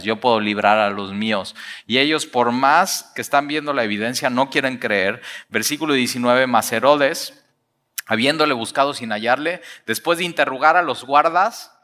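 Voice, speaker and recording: Lively preacher in a reverberant hall. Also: male voice, mid-range voice. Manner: lively storytelling, acting out the people in the story; laughs often and uses casual slang. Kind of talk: expository sermon.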